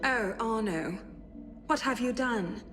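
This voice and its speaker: Reading letters aloud as a lively young French noblewoman in a video game, this actress speaks expressively, deliberately, and clearly. Her voice sits fairly high over background music, and she sounds anguished and pleading.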